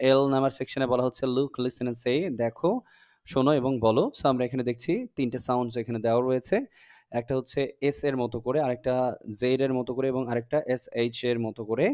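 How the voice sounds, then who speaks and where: A young man teaching a class, explaining sounds patiently and repeating them slowly for drilling. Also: mid-range voice, mellow, no echo, studio quality.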